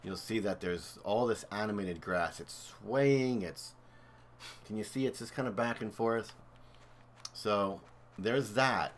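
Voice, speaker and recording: A man's voice: fairly low pitch, slow, slight background noise. Chatty man commentating gameplay. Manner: chatty, enthusiastic, thinks aloud. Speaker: game streamer.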